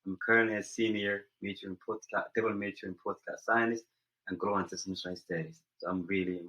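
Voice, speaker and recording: A young man from Somaliland, a college senior, answering interview questions earnestly and often pausing to search for words. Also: low voice, fairly even intonation, pushed and bright, rough recording. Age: young adult.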